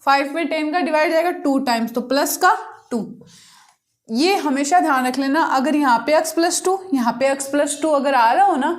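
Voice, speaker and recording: A woman maths teacher works through problems at the board in a classroom lesson. Her voice sits high and her pace is moderate. She keeps putting questions to the class and then answering them herself.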